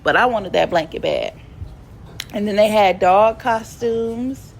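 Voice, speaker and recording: In a mid-range voice with vocal fry and a measured pace, a woman vlogger voices over her casual shopping vlog from home. She's stuffy and sniffly with a cold, chatting playfully in slang, and there's a little hiss or hum in the recording.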